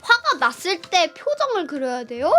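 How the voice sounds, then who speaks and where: A young woman streaming live, reading a workbook aloud and answering it with sarcastic, irritable remarks and sudden loud yells. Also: very high voice, big pitch swings, normal speed, faint music behind.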